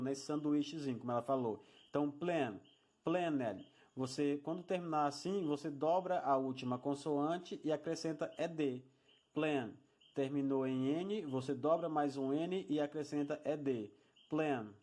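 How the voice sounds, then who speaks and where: Male teacher, somewhat high voice, patient step-by-step grammar explainer who repeats each rule. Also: a little mellow. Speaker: English teacher. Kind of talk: recorded lesson explaining grammar.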